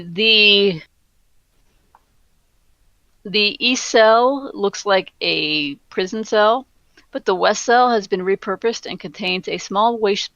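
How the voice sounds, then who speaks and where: Woman game master, slow measured scene narration, lo-fi dull mic. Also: mid-range voice, a bit bright, no echo.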